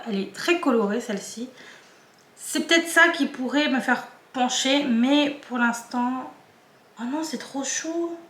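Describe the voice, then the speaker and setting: A woman's voice: fairly high pitch, fairly bright tone, echoey room. A woman vlogger chatting casually and hesitantly, with many fillers and restarts. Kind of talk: casual chat.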